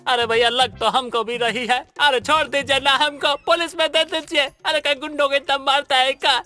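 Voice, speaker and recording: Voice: high voice, fairly even intonation, brisk, pushed and bright, soft background music. A performer voicing a cowardly village goon sidekick who complains and pities himself. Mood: complaining. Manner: complaining, rustic and self-pitying. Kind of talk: cartoon voice acting.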